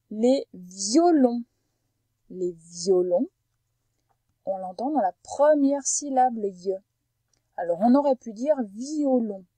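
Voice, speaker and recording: Mellow, husky woman teaching phonics. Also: on the high side, no room sound, low-quality recording. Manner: slow, careful over-articulation of sounds for a child; patient, addresses the listener as a young pupil. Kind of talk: phonics lesson narration.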